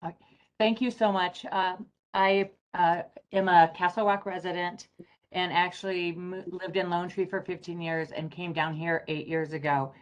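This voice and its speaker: A woman calling in remotely to give a public comment, measured and concerned. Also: on the low side, level tone, lo-fi sound. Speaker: online caller.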